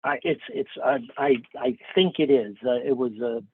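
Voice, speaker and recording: An older man and business owner speaking on a video call, hesitant and apologetic, with halting restarts. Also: mid-range voice, huge pitch swings, vocal fry, no room sound. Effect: on a video call, phone-like sound. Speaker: business owner at a licensing hearing. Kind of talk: remote testimony at a public hearing. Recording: dry, tinny video call audio.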